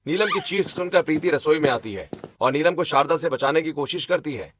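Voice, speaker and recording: A man narrating a cartoon story in a steady storytelling manner. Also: a little high, fairly quick, background noise.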